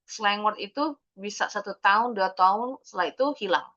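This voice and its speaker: A woman's voice: mid-range voice, moderate pace, bright, forceful tone, dull audio. An Indonesian woman teaching an English class, explaining patiently and mixing English words into her talk.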